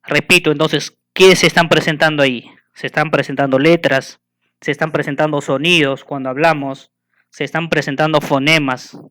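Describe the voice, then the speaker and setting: A man giving a school lesson, patiently asking the listener questions and slowly spelling and counting things out. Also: on the high side, steady tone, a bit bright. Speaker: teacher.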